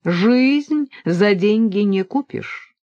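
Woman reading grumpy sneering guard guy, slow, kinda muffled. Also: mid-range voice, expressive, mellow, no echo, voice pushed up. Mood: mocking. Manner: gruff, grumbling, sarcastic. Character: low-voiced male prison guard, gruff and mocking. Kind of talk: audiobook reading.

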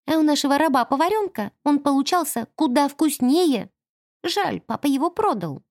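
A woman's voice: high voice, animated, moderate pace, a little mellow, no echo, studio quality, pitched above the performer's own voice. A woman voicing a spoiled, haughty rich young woman who chatters and gossips. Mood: chatty.

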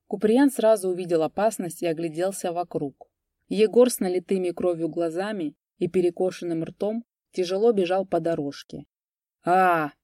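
A woman narrating an audiobook story with measured, dramatic pacing. Her voice sits on the low side with a dark, mellow tone, recorded close and dry. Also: no room sound.

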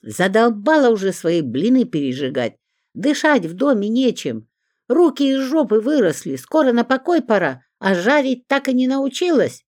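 A woman voicing a quarrelsome, coarse female neighbor who yells and scolds. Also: low-pitched, very animated, unhurried, no room sound, clean studio sound, full character voice. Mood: yelling.

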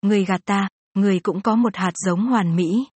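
A woman voicing an arrogant young male warrior who shouts accusations in a fantasy audiobook. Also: medium pitch, normal speed, slightly rough, dry recording, natural voice. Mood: enraged.

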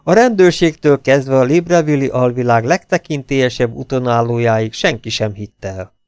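A man's voice: medium pitch, clear, resonant tone, no echo, lightly acted. A man playing a cocky, wisecracking adventurer. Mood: flippant. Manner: glib, teasing and matter-of-fact. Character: cocky, flippant young adventurer, cynical charmer. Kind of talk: audiobook character voice.

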